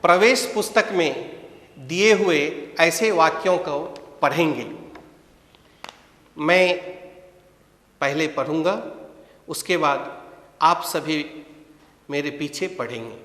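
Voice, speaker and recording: A man teaches a Sanskrit lesson, speaking very slowly and pronouncing every word with care. His voice is bright and a little high. It sounds like an echoey room with a long reverb tail. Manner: enunciating each word carefully, pausing between phrases. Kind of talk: slow, deliberate language lesson with repeat-after-me drills.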